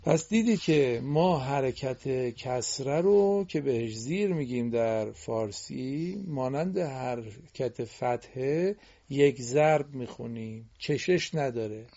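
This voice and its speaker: A man's voice: medium pitch, lively intonation, highs cut off. A man teaching children to read Quranic Arabic, patiently explaining vowel marks and correcting their pronunciation with frequent praise. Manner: praises pupils often, corrects pronunciation gently. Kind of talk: patient classroom instruction.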